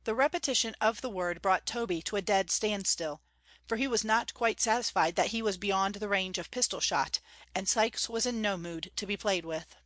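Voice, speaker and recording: A woman's voice: medium pitch, moderate pace, fairly bright tone, dry recording. Woman reading a classic novel aloud. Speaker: audiobook reader.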